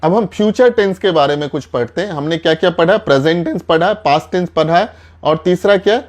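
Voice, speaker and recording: A man teaches English tenses in a spoken lesson, and his voice sits a little high. He asks questions and answers them himself. He drags out each English example sentence slowly and deliberately.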